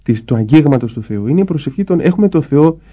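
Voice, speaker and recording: A man's voice: a little high, lively intonation, dark tone, lo-fi sound. A man, a priest, talking about prayer in a conversation, explaining patiently and acting out little dialogues as he goes. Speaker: Orthodox priest guest. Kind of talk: spiritual talk in conversation.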